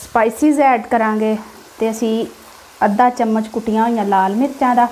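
Standing by the stove in her home kitchen, a cooking channel host with a Punjabi accent instructs viewers directly through each recipe step. Her fairly high voice has a darkish tone, fairly even intonation, and a moderate pace. The low-quality recording picks up frying, sizzling, and stirring noise.

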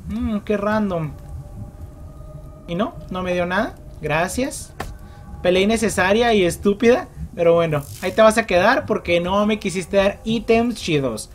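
Excitable Mexican man narrating a game. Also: high voice, unhurried, slight background noise. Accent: Mexican Spanish. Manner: excitable, yells and groans at failures; talks to the game characters. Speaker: gameplay commentator. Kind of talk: let's play commentary.

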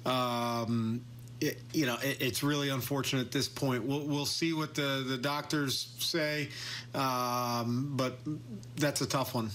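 A middle-aged man, a baseball manager, answering postgame questions over a video call, measured and halting, often repeating words. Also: medium pitch, fairly even intonation, fairly bright tone, slight background noise. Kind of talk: postgame video press conference.

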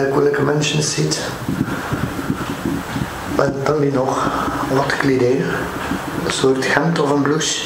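A man slowly guiding viewers through an abandoned house, admiring each detail he points out. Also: a little high, vocal fry. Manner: slow, admiring, pointing things out. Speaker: urban explorer vlogger. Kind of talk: guided walkthrough narration. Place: empty abandoned house, indoors. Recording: echoey empty rooms with loud noise.

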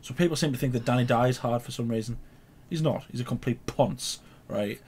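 Young northern English man, co-host, opinionated and playful, average pitch, faint background hiss. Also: brisk, a little mellow. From northern England. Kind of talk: casual chat.

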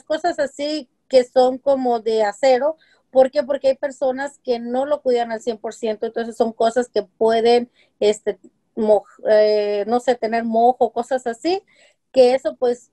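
A home-business seller in her forties, this woman has a mellow, slightly high voice. She speaks as a guest in a casual webcam interview from a home room with shelves of colorful containers, talking chattily, giving many examples, and often saying "este" and "eh."

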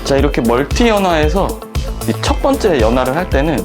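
A man's voice: on the high side, sing-song, a little fast, over music. A man, a hair salon director, explaining a perm process step by step in an instructional demonstration, with frequent fillers.

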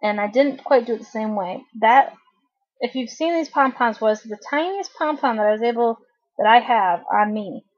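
A woman's voice: fairly high pitch, normal speed, muffled recording. A woman hosting a casual craft tutorial, chatting informally and correcting herself as she works with her hands while a cough drop sits in her mouth.

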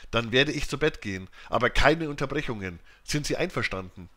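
A worn-out, famished Victorian gentleman inventor, as a male reader voices him. He talks in a curt, insistent way and pushes his voice up a little. His speech stays clipped and tired. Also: medium pitch, animated, a little fast. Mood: weary.

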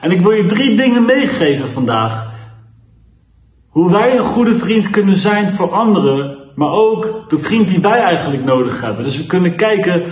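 A man leading a children's church lesson, reading a Bible story aloud in a lively, expressive storyteller's voice. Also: high voice, moderate pace. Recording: echoey room.

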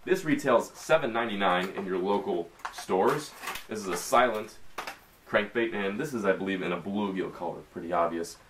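A man's voice: fairly low pitch, moderate pace, fairly bright tone, slight background noise. Young Midwestern guy chatting through an unboxing. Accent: Midwestern American. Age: young adult. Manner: chatty, casual, lots of fillers and slang. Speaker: fishing tackle vlogger. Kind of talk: casual unboxing vlog. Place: small bedroom with a desk, indoors.

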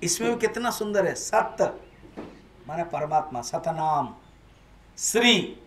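A man's voice: fairly high pitch, big pitch swings, slow pace, fairly bright tone, roomy sound, a little hiss or hum. A man, a swami, giving a spiritual discourse at a home gathering, asking his listeners questions and mixing English words into Hindi. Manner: questions and prompts the listeners to repeat after him. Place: room in a private residence.

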